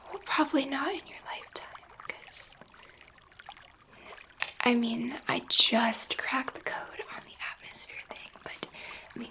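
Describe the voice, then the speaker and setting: In a whispered ASMR roleplay set in sci-fi, a woman voices an awed, gentle alien scientist. She speaks tenderly and reassuringly, with halting pauses, in a soft, breathy voice that sits high.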